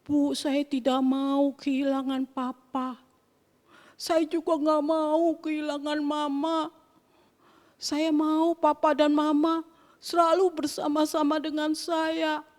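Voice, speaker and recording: A woman voicing a sad little child close to tears, speaking in a plaintive, halting way. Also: high voice, very animated, big-room sound. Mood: tearful.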